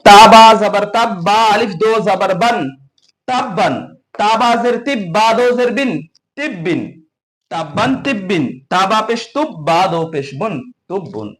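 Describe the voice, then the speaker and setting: A man with a Bengali accent teaching Quran reading, slowly spelling out Arabic letters and repeating syllables for learners. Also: sits high, animated, fairly bright tone. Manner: slow, patient drilling with repeated syllables.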